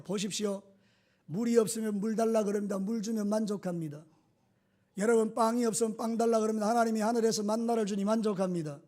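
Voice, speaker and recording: Male pastor, very high-pitched, emphatic sermon delivery with rhetorical questions. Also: mellow.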